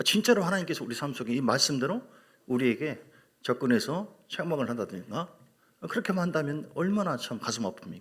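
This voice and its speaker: A man's voice: fairly high pitch, gravelly, breathy edge. A middle-aged male pastor preaching a sermon, telling stories emphatically and putting questions to the congregation. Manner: animated, emphatic storytelling with acted quotes.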